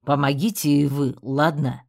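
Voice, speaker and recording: A woman voicing a bossy young male rat in an audiobook, speaking in a brisk, commanding way. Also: deep voice, fairly even intonation, gravelly.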